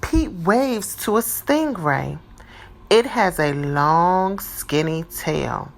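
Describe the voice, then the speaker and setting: A woman reading a children's picture book aloud in a deliberate, expressive teacher's style. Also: lowish voice, vocal fry. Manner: deliberate, animated, dramatizing for young children.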